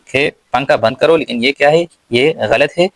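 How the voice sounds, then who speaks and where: A man with a Pakistani accent teaching English slowly and deliberately, pausing word by word and repeating his questions. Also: mid-range voice, no echo, rough recording. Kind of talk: slow spoken English lesson.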